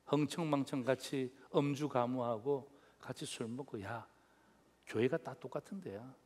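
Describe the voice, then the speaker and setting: A man voicing a scornful worldly man who mocks churchgoers and coaxes others to drink, in a lowered voice. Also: moderate pace, darkish tone, husky, natural voice. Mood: scornful coaxing. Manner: coaxing, sneering, lowered voice. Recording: reverberant church hall, faint music.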